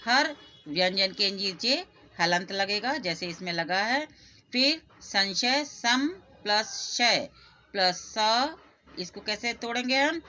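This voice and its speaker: Patient woman teacher with an Indian accent, slow and crisp, bright tone, spells words out letter by letter. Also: mid-range voice. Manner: patient, repeats each word and breaks it into sounds. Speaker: school Hindi teacher.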